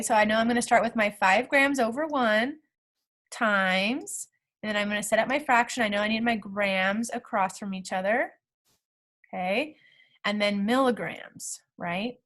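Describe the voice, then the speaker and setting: A woman's voice: fairly high pitch, fairly bright tone. A woman teacher talking through math problem steps aloud in a recorded lesson, checking in with the class as she goes.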